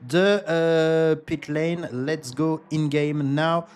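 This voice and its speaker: A man leading a live sim racing broadcast, speaking slowly and haltingly with many fillers. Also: on the high side, fairly even intonation. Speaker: lead esports commentator. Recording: broadcast with loud music bed.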